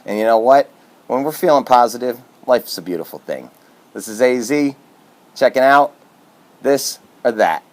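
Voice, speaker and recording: A man's voice: medium pitch, animated, normal speed. A man from Michigan giving casual motivational talk to camera as a self-help vlogger, upbeat and earnest, with plenty of fillers.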